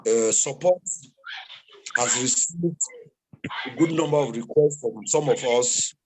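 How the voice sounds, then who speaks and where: A man's voice: mid-range voice, unhurried, background noise. A man hosting an online meeting, giving a preachy motivational talk to the crowd over a video call. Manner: preachy, exhorting crowd, repetitive.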